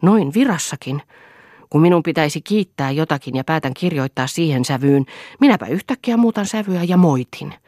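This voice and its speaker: A woman's voice: low-pitched, lively intonation, a little mellow, dry recording, clean studio sound, voice pushed up. A woman voicing a moody, self-pitying husband in an audiobook, speaking in sulky, boastful outbursts. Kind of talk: audiobook character reading.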